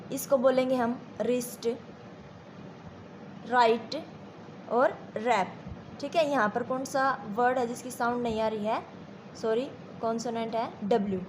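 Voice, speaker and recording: A woman's voice: a little high, darkish tone, a little hiss or hum. A woman teacher with an Indian accent giving a classroom lesson, repeating points and asking the students if they follow. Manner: slow and repetitive, checks understanding with questions.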